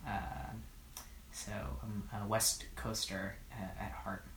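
A man in his thirties from California's East Bay, answering oral history questions in a hesitant, thoughtful way with many pauses, recorded in his apartment. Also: fairly low pitch, little pitch movement, fairly bright tone. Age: 30s. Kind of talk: reflective interview answers. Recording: roomy apartment recording, faint noise.

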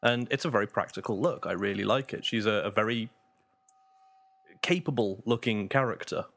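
A man hosting a casual video game podcast, speaking in a measured, agreeable way and steering the talk. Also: on the low side, a bit bright. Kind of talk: casual panel chat about games.

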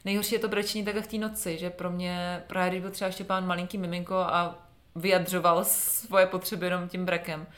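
A young woman co-hosting a casual podcast chat, talking reflectively and sometimes dropping to a quiet murmur. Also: fairly low pitch, flat delivery, few pauses. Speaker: podcast co-host. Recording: roomy echo.

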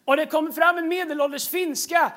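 Animated high-voiced man preaching. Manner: animated, breaks into laughter, frequent fillers and repeated words. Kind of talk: sermon with humorous storytelling. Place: large church stage.

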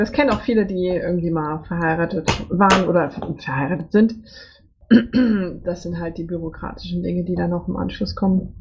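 A woman hosting a casual podcast interview, asking questions in a curious, chatty way and clearing her throat now and then. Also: mid-range voice, darkish tone, dull audio, slight background noise.

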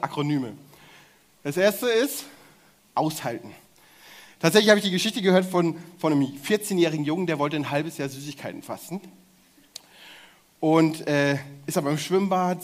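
A man preaching a sermon in German, talking directly and energetically and getting his audience to shout along. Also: a little high.

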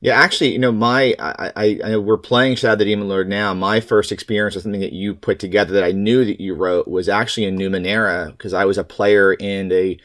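A man's voice: lowish voice, steady tone, fast, few pauses, a bit bright. A man hosting a podcast in casual, jokey, rambling chat. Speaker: podcast host.

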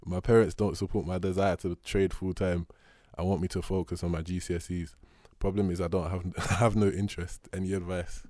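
A man's voice: low-pitched, level tone, a little fast, few pauses, mellow, no echo, studio quality. A young man with an urban London roadman accent, chatting casually and slangily as a podcast co-host, with plenty of banter. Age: young adult. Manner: slangy, bantering, addressing listener as bro.

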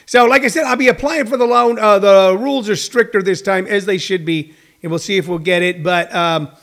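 A male host chatting casually to his listeners in a halting, digressive, self-deprecating way. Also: high-pitched, a bit bright. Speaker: host of a daily live streamed comedy radio show. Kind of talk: casual, rambling chat to listeners.

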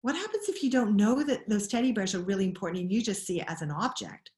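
A woman, a parenting educator, explaining ideas in an interview with an earnest, animated manner and frequent restarts. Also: medium pitch, fast, echoey room.

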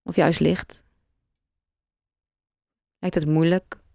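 A woman guides a meditation in a somewhat low voice. She speaks gently and calmly, leaving long pauses between short phrases. The recording is dry and close, with very little room sound. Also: gravelly, no room sound.

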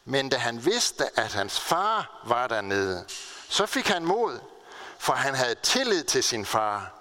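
A man's voice: big pitch swings, pushed and bright. A male pastor delivering a sermon, telling stories earnestly and stressing key words with big swings in his voice. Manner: earnest storytelling with emphatic pitch swings.

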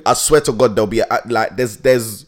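A man's voice: fairly low pitch, a little fast. A young man with a London roadman accent, chatting casually and emphatically in heavy street slang as he tells stories. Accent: London roadman, Multicultural London English. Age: young adult.

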